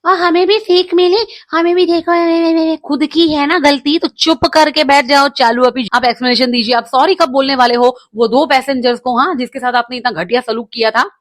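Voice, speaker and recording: A woman's voice: high voice, steady tone, normal speed, few pauses. A woman hosting a casual roast commentary, talking in a sarcastic, mocking, ranting way. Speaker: commentary host.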